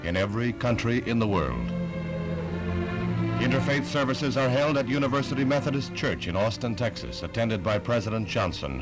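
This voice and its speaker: A man's voice: medium pitch, rough recording. A man narrating a 1960s newsreel with a solemn, stately delivery.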